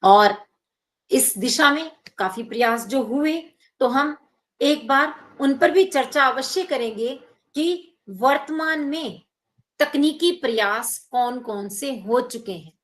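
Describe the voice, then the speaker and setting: A woman giving a measured academic lecture at an online workshop, explaining step by step with small hesitations. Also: high voice, lively intonation, fairly bright tone. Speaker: guest speaker at an online workshop. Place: online workshop, video call.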